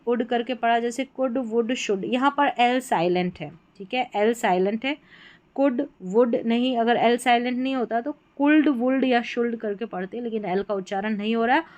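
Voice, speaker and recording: A woman who speaks as her teaches English spelling patterns from a chart. She draws out each example word slowly between her explanations. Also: fairly high pitch. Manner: slow, drawn-out example words between explanations. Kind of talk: spelling lesson walking through a chart.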